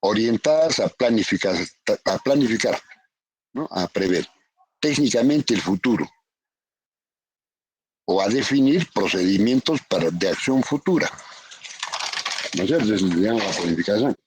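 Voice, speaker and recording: A man's voice: on the low side, lively intonation, normal speed, long pauses. Man from Peru, economics professor, online lecture, repetitive and checking in, faint line hiss. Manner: calls on students by name, repeats definitions with tag questions. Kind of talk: lecturing in a virtual class. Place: home, online class. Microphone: computer mic on a video call.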